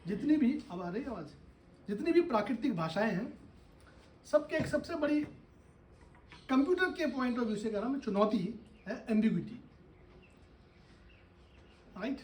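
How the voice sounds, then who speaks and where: Heard from afar in an echoey lecture hall, a male professor explains concepts using everyday examples and frequently checks in with listeners. His very high voice is very animated, at normal speed with long pauses, and a little hiss or hum is present.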